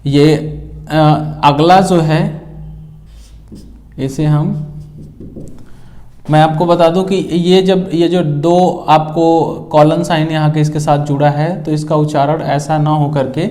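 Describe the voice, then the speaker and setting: A man's voice: fairly high pitch, flat delivery, takes it slowly, long pauses, dark tone. A man teaching an English grammar lesson, explaining patiently and often checking in with the listener while writing on a board. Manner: mixes Hindi with English phrases.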